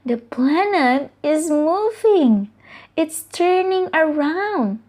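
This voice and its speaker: A Filipina woman reads a picture book aloud to children, telling the story in a deliberate, questioning way and turning aside to speak to her listeners. Her voice is high and darkish in tone, with lively intonation.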